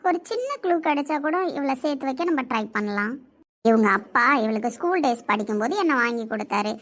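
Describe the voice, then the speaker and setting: A woman's voice: a little high, lively intonation, fairly quick, a bit bright. A woman voicing a caring, protective female talking diary in an audio drama, speaking in an earnest, worried way.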